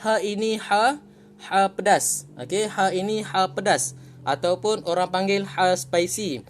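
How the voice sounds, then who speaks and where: Slow, high-voiced Malaysian man teaching recitation. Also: steady tone, a little hiss or hum. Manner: patient, repeats each point, slows right down to recite examples. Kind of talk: casual online Quran reading lesson.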